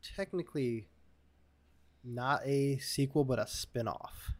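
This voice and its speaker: A man's voice: medium pitch, takes it slowly, no echo. A man in his thirties co-hosting a casual movie podcast, laid-back and agreeable, often laughing. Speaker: podcast co-host.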